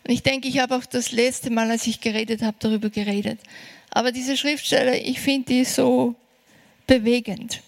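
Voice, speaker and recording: A woman preaching a sermon, earnest and encouraging, slowing down for emphasis. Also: on the high side, steady tone, vocal fry.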